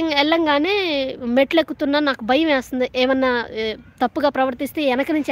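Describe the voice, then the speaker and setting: A woman evangelist of about thirty tells her personal religious testimony. Her voice sits high, and she speaks with earnest feeling, often restarting her phrases as she recalls the story. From Telangana, India.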